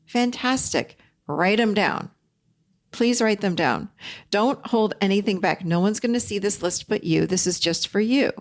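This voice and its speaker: Emphatic middle-aged woman, motivational coach. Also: medium pitch. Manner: emphatic, deliberate, repeats key phrases. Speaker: self-help coach. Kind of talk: motivational self-help talk, addressing the listener directly.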